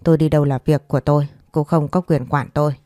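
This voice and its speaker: A woman's voice: sits low, steady tone, quick pace, no room sound, studio quality, lightly acted. A woman voicing an angry young husband who scolds his wife. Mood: scolding. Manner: shouting, scolding.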